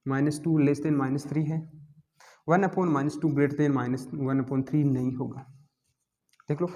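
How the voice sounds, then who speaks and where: A man's voice: on the high side, a little mellow. A male math teacher, giving a classroom lecture and constantly asking and answering his own questions. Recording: long hall reverb.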